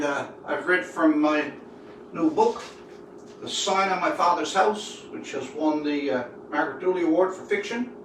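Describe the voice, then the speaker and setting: On an informal livestream, a Newfoundland writer of around seventy chats with viewers, reading his work and spinning stories. His voice is a little high. The recording picks him up from a distance, with roomy echo and noticeable background noise.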